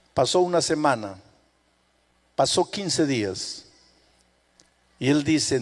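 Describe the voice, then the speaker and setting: An older male pastor telling a story in a sermon, dramatic, swinging from hushed to emphatic. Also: mid-range voice, long reverb tail.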